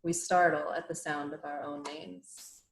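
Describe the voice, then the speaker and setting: A middle-aged woman poet reading her poems aloud over a video call, introducing each one in a measured, hesitant way. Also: low voice, steady tone, creaky, a little hiss or hum. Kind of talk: poetry reading with short introductions. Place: home room on a virtual reading call. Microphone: computer mic on a video call. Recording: roomy echo.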